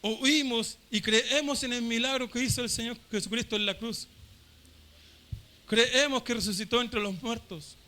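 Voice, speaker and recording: A man's voice: extremely high pitch, fairly even intonation, moderate pace. A man from Chile preaching a fervent Pentecostal sermon, repeating his phrases for emphasis. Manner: fervent, repeats phrases, acts out shouting crowd voices.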